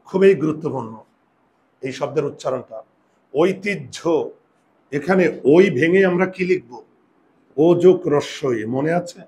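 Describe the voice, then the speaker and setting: A man teaching a grammar lesson, explaining step by step, asking his students questions and saying example words very slowly. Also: on the high side, darkish tone. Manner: drawn-out slow example words. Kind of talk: classroom pronunciation lesson.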